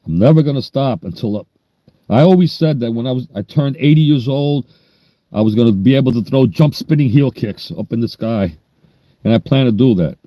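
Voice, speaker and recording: Older new guy rambling on his live stream, blunt street talk, dark voice. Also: medium pitch, lively intonation, fairly quick, no echo. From New York. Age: 60s. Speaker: livestream host. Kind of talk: casual livestream chat.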